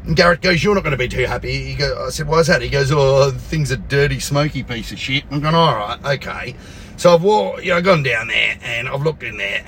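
A man's voice: medium pitch, a bit bright, slight background noise, rough recording. An Australian man telling a casual workshop anecdote, blunt, sweary and sarcastic, acting out the dialogue as he goes. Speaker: car workshop owner and storyteller.

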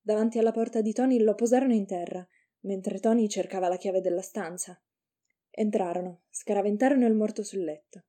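Woman narrator reading fiction aloud; measured, unhurried delivery, very dark mellow tone. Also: mid-range voice, fairly even intonation.

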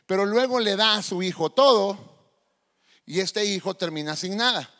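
A male pastor preaching a sermon, animated and asking the congregation questions. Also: high-pitched, moderate pace. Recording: long hall reverb.

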